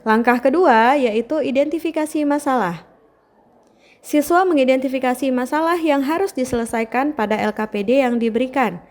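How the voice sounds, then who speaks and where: A woman's voice: high voice, normal speed. A woman teacher giving a formal, scripted voice-over that explains her lesson step by step.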